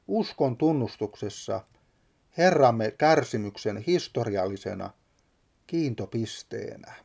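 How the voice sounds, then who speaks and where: A man's voice: medium pitch, a little mellow. A man solemnly reading a Bible passage and preaching on it, stressing the quoted lines with drama.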